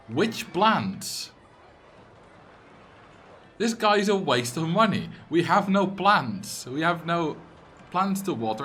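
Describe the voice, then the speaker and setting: A young Dutch livestreamer, native speaker and from the Netherlands, casually narrates a game in a higher-leaning voice with a Dutch accent, with slight background noise. He reads chat aloud, jokes back, and every so often breaks into loud, exasperated rants.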